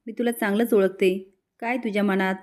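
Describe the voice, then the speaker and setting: A woman's voice: mid-range voice, fairly even intonation, brisk, a little mellow, lightly acted. A woman voicing a proud, determined mother-in-law who speaks firmly. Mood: stern. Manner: firm, vowing.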